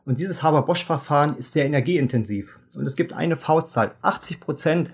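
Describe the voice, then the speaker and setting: A man in his fifties, a fertilizer sales expert, explaining market history in measured detail in a podcast interview. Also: a little high, breathy edge. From Germany. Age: 50s.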